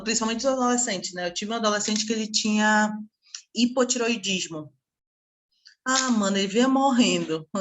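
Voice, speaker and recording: A woman teaching a casual online class, a lively storyteller who acts out her conversations with parents. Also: on the high side. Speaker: psychopedagogy teacher.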